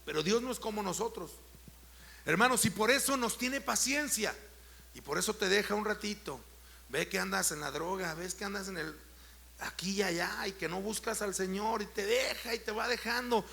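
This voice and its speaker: A middle-aged Mexican pastor with a high, gravelly voice delivers a sermon. His tone is bright and sharp. He pelts the congregation with rhetorical questions and swells into loud, forceful stretches. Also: normal speed. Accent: Mexican Spanish. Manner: builds to loud, forceful emphasis.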